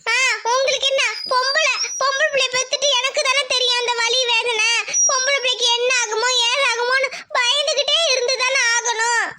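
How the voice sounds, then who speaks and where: A fretful village mother in a cartoon, voiced by a woman worries aloud and pleads in a very high voice. The tone is bright and thin, always anxious. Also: fairly even intonation, a little fast, full character voice. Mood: lamenting. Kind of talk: Tamil village cartoon voice acting.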